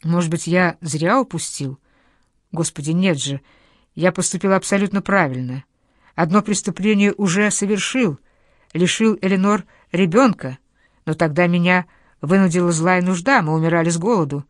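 A woman's voice: lowish voice, normal speed, dry recording, clean studio sound, lightly acted. Woman voicing a troubled earnest doctor. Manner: calm then anxious, earnest. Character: troubled male doctor, conscientious and tempted. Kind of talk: audiobook character voice.

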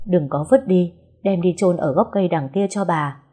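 A woman's voice: on the low side, a little fast, mellow, breathy edge. A woman voicing a frightened, superstitious old mistress of a rich household. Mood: alarmed. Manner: panicky, superstitious.

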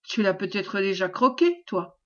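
A woman reading aloud, voicing a furious, penniless former soldier who shouts insolently at his family. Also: medium pitch, very animated, a little slow, dull audio, pitched below the performer's own voice.

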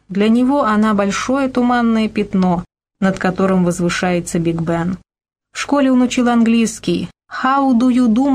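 A woman's voice: mid-range voice, darkish tone. Woman narrating an ironic first-person novel. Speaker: audiobook narrator.

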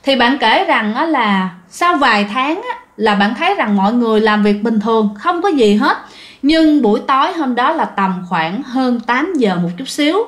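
A woman telling a listener's ghost story in a chatty way, addressing the audience directly. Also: a little high. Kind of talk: casual ghost story narration.

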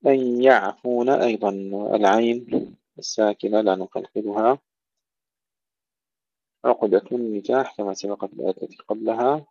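A man teaching tajweed. He recites words slowly and carefully, then explains each rule in a plain voice. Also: on the low side, fairly even intonation, gravelly, dark tone, no echo. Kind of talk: tajweed lesson with slow demonstrative recitation. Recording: dull, dry close recording.

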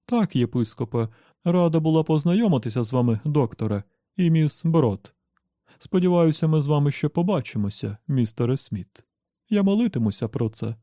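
Man doing a sugary gushing young woman, higher voice, dry sound. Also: sing-song, moderate pace, warm tone, no echo.

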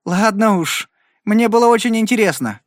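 A man reading an audiobook and voicing a cheerful, lively young woman in a raised, bright voice. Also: high-pitched, moderate pace, dry recording, studio quality, pitched above the performer's own voice. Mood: delighted.

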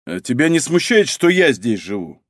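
A man voices a tired, sardonic detective who mutters his words gruffly. The voice is dropped lower than the narration, and the recording is dry and close. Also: big pitch swings, moderate pace, no echo.

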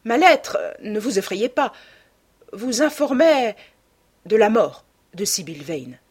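A woman voicing a worldly, persuasive aristocratic gentleman in an audiobook, with a husky voice. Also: a little high, lively intonation, slow pace, pitched above the performer's own voice, full character voice. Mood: grave. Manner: suave, persuasive, lecturing. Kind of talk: audiobook character reading.

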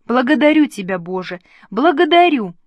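A woman's voice: sits high, big pitch swings, normal speed, no room sound, dull audio, voice pushed up. A woman voicing an earnest, emotional young princess who speaks in fervent exclamations in an audiobook reading. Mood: overjoyed.

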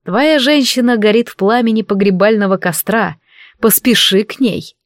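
A proud, mocking goddess with fiery hair speaks slowly and deliberately, voiced by a woman reading a fantasy audiobook. Her voice sits in a middle register. The recording is close and dry. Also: medium pitch, no echo, lightly acted. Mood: stern. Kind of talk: audiobook narration.

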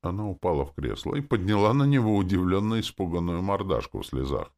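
A man narrates a first-person audiobook. His voice is extremely deep with a gravelly fry, and his telling moves in lively, animated pitch. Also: quick pace.

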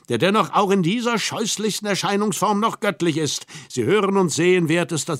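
A man's voice: high voice, a bit bright, no echo, clean studio sound. A man reading an audiobook and voicing Mozart as an all-knowing, mocking spirit who lectures in an ironic, scornful tone.

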